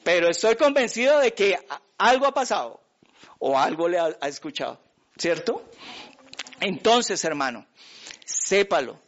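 A man's voice: sits high, very animated, measured pace, long pauses. A man preaching a fervent sermon as pastor, often asking the congregation questions. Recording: muffled lo-fi recording.

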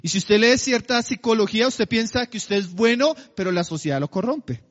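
A man delivers a sermon in a strikingly high voice, stretching out his key phrases for weight. He keeps turning to the congregation with questions. The sound is dull and muffled, with a long echo trailing off in a large hall. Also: animated. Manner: slows to a drawn-out, emphatic cadence on key phrases; addresses the congregation with rhetorical questions. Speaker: preacher.

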